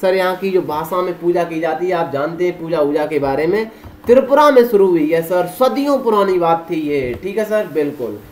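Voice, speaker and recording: A man's voice: high voice, expressive, brisk, a little mellow, slight background noise. A man gives an exam-prep lecture in an echoey room, talking over a zoomed map. He plays both sides of the exchange, asking and answering his imagined students' questions. He keeps calling his listeners dear friends. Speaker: current affairs teacher.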